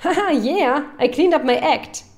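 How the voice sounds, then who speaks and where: A woman's voice: high-pitched, measured pace, soft background music, voice pushed up. A woman voicing a cheerful, hearty bro dad who is a young adult man. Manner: hearty, dude-speak.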